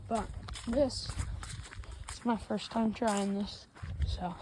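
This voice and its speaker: A young woman with a cold, breathing heavily as she casually narrates a demonstration in short, halting remarks outdoors. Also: mid-range voice, fairly even intonation. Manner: halting, short offhand remarks with long pauses. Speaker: amateur video maker. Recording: noisy outdoor recording with clicks.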